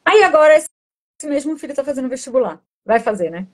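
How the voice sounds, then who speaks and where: A woman's voice: high voice, lively intonation, fairly quick. A woman in her forties, a coach and therapist, telling a personal story in a podcast interview with enthusiastic, affectionate energy.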